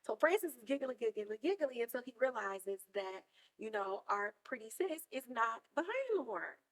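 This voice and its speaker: Animated woman recapping with acted-out bursts. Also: moderate pace. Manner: animated storytelling, acts out characters with big high-pitched bursts. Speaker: podcast host. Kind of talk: casual recap chat.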